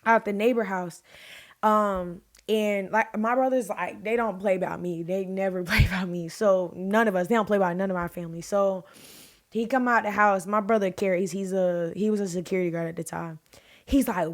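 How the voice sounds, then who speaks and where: A woman's voice: medium pitch, moderate pace. A young woman, telling a story casually on her vlog, full of fillers and acting out the voices in her story. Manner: animated, many fillers, acts out quotes in a raised voice. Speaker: vlogger.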